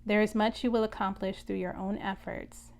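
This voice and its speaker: Gravelly-voiced woman giving a spiritual reading. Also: mid-range voice, level tone, a little mellow. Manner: measured, contemplative delivery. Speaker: spiritual reader. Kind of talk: energy reading and guided prayer.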